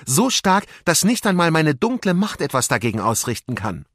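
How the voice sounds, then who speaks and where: Storybook villain: a commanding old sorcerer-vizier, played by a man, loud and husky. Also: on the high side, sing-song, moderate pace, no echo, studio quality, pitched above the performer's own voice. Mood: menacing. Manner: murmuring, commanding.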